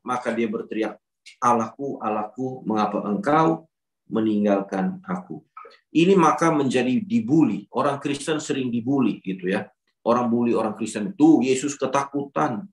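A man giving a conversational Bible teaching to a youth group, often asking rhetorical questions. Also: a little high. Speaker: youth ministry speaker. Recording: roomy echo.

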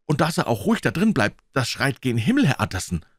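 A frightened, loyal old manservant pleads urgently in a raised voice, as a male reader puts him on. The storybook narration sounds dry and close. His tone rises and falls in lively swings. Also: mid-range voice, fast, husky, no room sound, voice pushed up.

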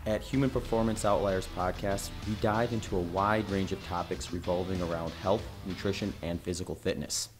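A man, a podcast co-host, reading a scripted intro in a measured, announcer-like way. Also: low voice, fairly even intonation. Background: guitar music.

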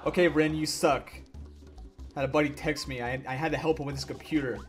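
A young man giving gameplay commentary, ranting and yelling at the game in frustration. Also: on the high side, fairly even intonation, brisk, faint music behind. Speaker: gaming YouTuber.

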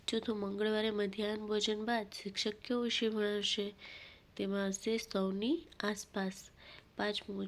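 A woman teacher with a Gujarati accent and a medium-pitched voice reads worksheet questions and their answers in a steady, methodical way.

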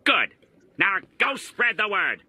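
A man's voice: high voice, big pitch swings, slow, sharp tone, slight background noise, full character voice. A man playing a bossy male cartoon character who talks emphatically and gives commands. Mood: commanding.

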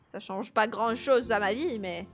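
Brief: woman streamer, bright higher voice, chatty live commentary, faint game music behind. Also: dull audio. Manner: chatty, laughs often, reads and answers chat. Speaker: let's play streamer. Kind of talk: casual live gameplay commentary.

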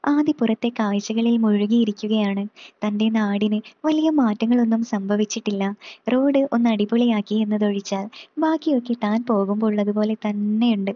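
A woman reading a story aloud in a steady, plain way. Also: medium pitch, normal speed, dry recording, highs cut off.

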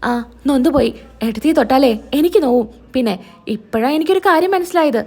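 An indignant, protective young man, put on by a woman narrator. He keeps pressing with questions, and the voice stays high and animated. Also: fast talker, creaky. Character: protective young man, brother-in-law, hot-headed.

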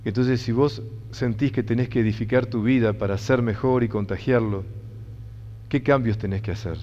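A motivational speaker with a Rioplatense Spanish accent gives an inspirational talk to an audience, earnest and emphatic, repeating his key phrases. His voice is medium-pitched, steady, and somewhat dark, at a moderate pace. The recording sounds dull, with a long hall reverb.

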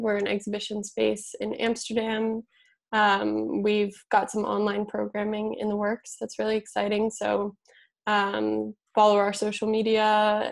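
Flat, slightly gravelly young woman organizer. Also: medium pitch. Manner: casual, hesitant, lots of fillers and small laughs. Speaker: event organizer at an exhibition space. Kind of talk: housekeeping introduction on a video call. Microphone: laptop mic on a video call.

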